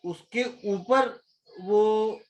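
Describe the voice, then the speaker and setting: A man's voice: high-pitched, very slow. A male physics teacher explaining a problem step by step in a live class, often stopping to check that the students follow. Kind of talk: live physics class in Hindi mixed with English.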